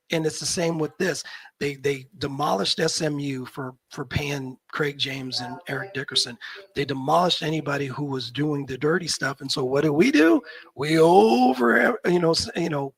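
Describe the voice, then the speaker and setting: A man in his fifties from Nebraska, a guest talking in a casual, animated, opinionated way on a video call. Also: on the high side, rough recording. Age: 50s. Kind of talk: casual chat.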